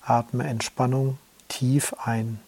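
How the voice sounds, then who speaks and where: Guy talking you through a relaxation, super slow, calm and soothing, mid pitch. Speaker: yoga nidra guide. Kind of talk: guided relaxation instructions.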